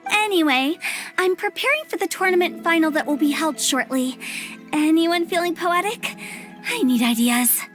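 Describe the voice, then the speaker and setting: In a video game cutscene with soft music underneath, a woman gives a very high-pitched voice at a moderate pace to a playful, mischievous young funeral director. Her delivery is teasing and lively, full of rhyming banter.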